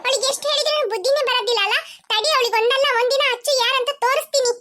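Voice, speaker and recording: A woman's voice: extremely high pitch, racing. Woman doing chatty bold cartoon girl Achu. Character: lively outspoken young girl. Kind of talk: cartoon voice acting. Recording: loud background music.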